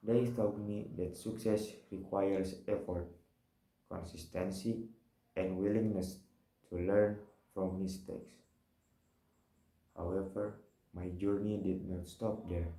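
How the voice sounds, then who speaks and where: A young man with an Indonesian accent reads a personal monologue for a class assignment, slow and careful in his phrasing. His voice sits very low and sounds mellow. The room around him adds a noticeable echo. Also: fairly even intonation. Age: young adult. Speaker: student. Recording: roomy echo.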